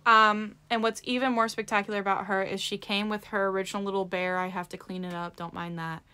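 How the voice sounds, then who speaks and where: Chatty young woman with a bright voice. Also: medium pitch, a little fast, clear, resonant tone. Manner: chatty, many "um" fillers, excitable. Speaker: toy collector vlogger. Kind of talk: casual unboxing vlog.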